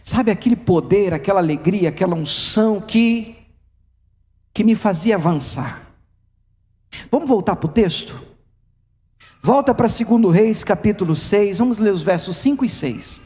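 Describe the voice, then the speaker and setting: A man's voice: high-pitched, expressive, normal speed, darkish tone, big-room sound. A Brazilian man preaching a sermon as a pastor, impassioned and acting out cries of despair. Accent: Brazilian Portuguese. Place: church hall.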